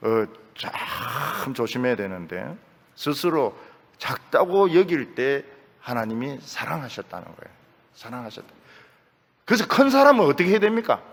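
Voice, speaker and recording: Preaching in a church sanctuary with hall reverb, an older man with a Gyeongsang accent jokes in a folksy way and keeps repeating his main phrases. He speaks at normal speed with a medium-pitched, sing-song voice.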